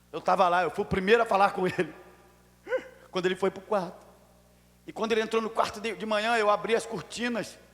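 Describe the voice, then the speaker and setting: A man preaching a sermon as a pastor with a Brazilian Portuguese accent, telling a story dramatically, dropping to a hush and rising to shouts. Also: high voice, long reverb tail.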